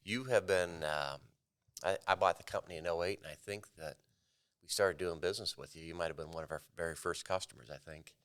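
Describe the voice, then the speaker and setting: Man, middle-aged, very deep voice, smooth and resonant, jokey rambling podcast co-host. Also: a little fast, a bit bright, no room sound, clean studio sound. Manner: jokey, rambling, restarts often. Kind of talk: casual podcast banter. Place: small podcast studio. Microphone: studio mic on a boom, with headphones.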